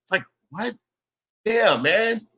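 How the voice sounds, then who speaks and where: Speaking slowly in a high, pushed, bright voice that's slightly rough, with lively intonation, a man launches an angry vlog rant. The online commentator is profane and confrontational, firing "bro" at rivals and claiming his voice stays the same with everyone.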